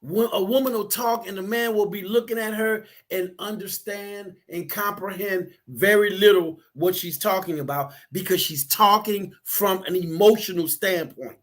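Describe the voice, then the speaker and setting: A man's voice: high voice, moderate pace, few pauses. A man talking earnestly and explaining his ideas, often restarting and repeating words. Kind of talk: casual discussion.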